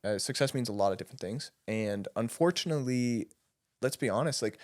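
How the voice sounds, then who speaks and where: Young man, quick talker, blunt, rambling, laughing, casual chat. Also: medium pitch, lively intonation. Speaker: guest.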